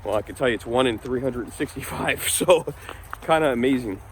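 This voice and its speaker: A man's voice: mid-range voice, fairly quick, a little hiss or hum. A man from New York's Hudson Valley who rambles in casual vlog chat, laughing often while he walks his dog along a wooded trail outdoors. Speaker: vlogger.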